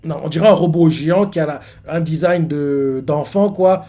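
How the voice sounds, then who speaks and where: A man's voice: a little high, normal speed, mellow. A man reacting live to a manga chapter, rambling with many fillers and self-corrections.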